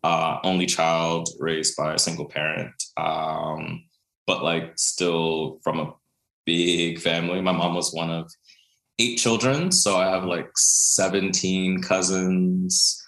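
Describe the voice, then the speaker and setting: A deep-voiced contemporary dancer from Brooklyn, New York, tells stories as a guest in a casual interview, recorded in an echoey room. His delivery is flat and slow with a fairly bright tone, chatty, full of fillers and frequent laughs.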